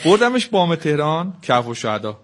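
Man, fairly high voice, earnest, insists he is serious. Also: very animated, crowd noise. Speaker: guest on a counseling show. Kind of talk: personal account.

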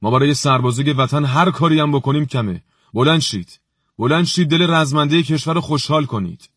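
A man's voice: a little high, husky, dry recording, studio quality, pitched above the performer's own voice. A man voicing a stern hospital director who gives orders with authority. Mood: commanding. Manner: authoritative, scolding then gentle. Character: stern hospital director, commanding but kind.

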